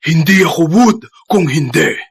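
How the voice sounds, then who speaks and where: A fiery old grandfather in a dubbed drama, his voice husky and worn. He talks slowly but his pitch swings widely as he shouts his defiance. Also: lively intonation, exaggerated voice. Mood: furious defiant. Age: older.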